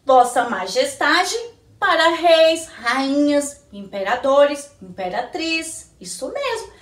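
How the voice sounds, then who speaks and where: A woman teacher with a Brazilian Portuguese accent giving a recorded lesson to young children, slowly asking questions and answering them herself. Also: high-pitched, very animated, distant mic. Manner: slow, sing-song teacher talk, answers her own questions. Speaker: primary school teacher. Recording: echoey room, slightly off-mic.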